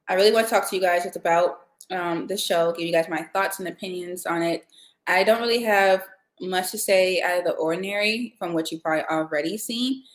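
A woman with a slightly low voice hosts a casual podcast, rambling along with plenty of fillers. She is recorded in an echoey room. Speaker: podcast host. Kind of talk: casual chat.

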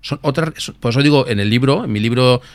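A lucid dreaming expert, appearing as a podcast guest, explains his subject quickly and eagerly, piling on asides. He has a middle-pitched voice. The sound is dry and close, with no room echo.

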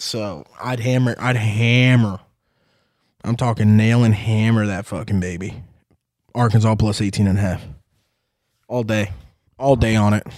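A man's voice: on the low side, no echo, clean studio sound. A man hosting a sports podcast, chatting casually about football picks with rowdy, profane outbursts. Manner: rowdy, swearing, excitable outbursts.

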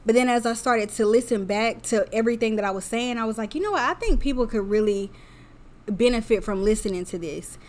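A woman's voice: fairly high pitch, brisk. A woman in her thirties hosting her own podcast alone, talking candidly and from the heart, and calling her listeners y'all. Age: 30s. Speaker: podcast host. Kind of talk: solo podcast monologue.

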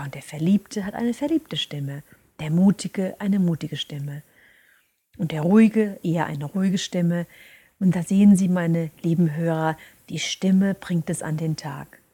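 A woman giving a calm, didactic talk to her listeners, often dropping into soft breathy stretches. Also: fairly low pitch. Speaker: speaker on voice and rhetoric. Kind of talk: lecture-style talk to listeners.

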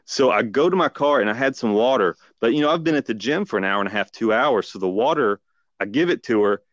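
A man's voice: medium pitch, expressive, fast, no room sound, dull audio. A man co-hosting a podcast, telling a story in casual chat and acting out the voices of the people in it. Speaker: podcast co-host.

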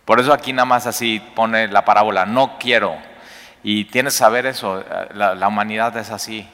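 A man, preaching a sermon in a conversational, animated way with rhetorical questions. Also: fairly low pitch, brisk, smooth. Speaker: pastor. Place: church hall. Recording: echoey hall.

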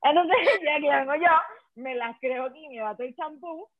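A Venezuelan woman with a slightly high voice chats away in a slangy, self-assured manner and laughs often. The sound is thin and phone-like, with no room echo at all. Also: moderate pace. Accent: Venezuelan Spanish. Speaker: podcast co-host. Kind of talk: casual chat. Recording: tinny phone-like dry sound.

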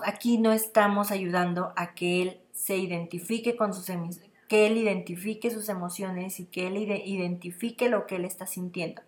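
Woman, podcast host; earnest, direct-address parenting advice with repeated phrasing. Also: mid-range voice. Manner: earnest, speaks straight to the listener, repeats phrases for emphasis. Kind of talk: casual advice monologue.

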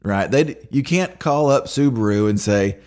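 A man's voice: mid-range voice, expressive, unhurried, darkish tone. A middle-aged man hosting a podcast alone, talking casually in a rambling way with lots of fillers and restarts. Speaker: podcast host. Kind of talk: casual solo podcast monologue.

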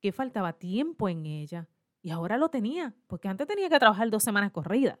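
Speaking fast in a medium pitch, this woman from Puerto Rico carries a Puerto Rican Spanish accent. She's in her forties, works as a school librarian, and shares a personal story with an audience, animatedly voicing both people in her dialogues. The studio recording is clean, with no echo.

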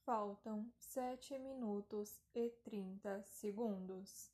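A half-robotic computer voice calling out a spaceship countdown, low and slow, every word flat and measured, as a woman storyteller puts it on. It is a children's storybook machine, plain and emotionless in its delivery. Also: reverberant. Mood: mechanical.

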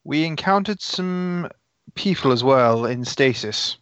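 A man's voice: mid-range voice, expressive, slow pace, a bit bright, clean tone, dry recording. A man player in a tabletop game, talking hesitantly and restarting often. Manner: hesitant, repeats words. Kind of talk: tabletop role-play chat. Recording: dull, dry lo-fi mic.

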